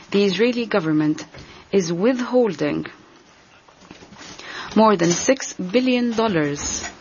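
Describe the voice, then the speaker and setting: A woman giving a translation voice-over as an interpreter, rendering a formal speech in a measured, deliberate way. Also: fairly low pitch, darkish tone, lo-fi sound, slight background noise. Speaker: simultaneous interpreter.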